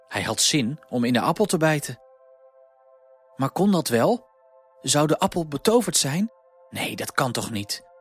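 A man reading a children's story aloud in a calm, lively storytelling manner. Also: medium pitch, husky.

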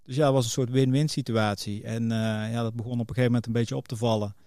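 A man's voice: medium pitch, steady tone, very fast, warm tone, no room sound, clean studio sound. Middelbare man, losse verteltrant, droge opname. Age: middle-aged. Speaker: podcast guest, music booker. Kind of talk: casual interview, telling career anecdotes.

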